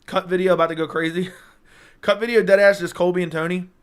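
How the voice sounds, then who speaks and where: A young man streaming as an MMA YouTuber reads viewer comments and answers them loosely, rambling with hype into his personal streaming mic. His voice, a little high for a man, is strained and cuts in and out while its underlying tone stays clear. He speaks a little fast with fairly even intonation.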